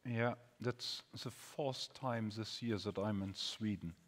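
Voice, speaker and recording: A man's voice: on the low side, slow. A man from Germany, speaking on a conference panel in an earnest, wry, emphatic way. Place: large conference hall stage. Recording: reverberant conference hall.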